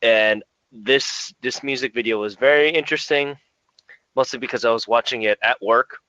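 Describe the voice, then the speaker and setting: A man's voice: medium pitch, normal speed, pushed and bright, no echo, highs cut off. A man co-hosting a casual music podcast, rambling a little with fillers and chuckles. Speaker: podcast co-host.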